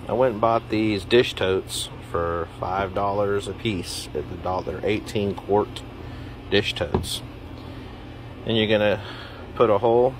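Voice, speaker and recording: A deep-voiced man talks through a home project in a relaxed, plain-spoken way, pausing on fillers now and then. He is recorded outdoors on a handheld phone, with noticeable noise behind him. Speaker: DIY vlogger. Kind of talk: casual how-to explanation. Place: outdoors in a yard.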